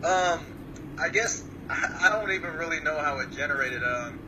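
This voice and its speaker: A man from Samoa answering interview questions over a remote call, calm and modest, with many hesitant uhs. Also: on the high side, moderate pace. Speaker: guest fighter. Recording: distant mic with clear background noise.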